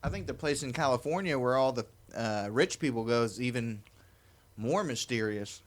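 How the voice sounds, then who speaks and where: A man's voice: medium pitch, animated, moderate pace. A man co-hosting a live podcast in loose, casual chat, rambling and joking as he reads things aloud. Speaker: podcast co-host. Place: live-streamed podcast at home.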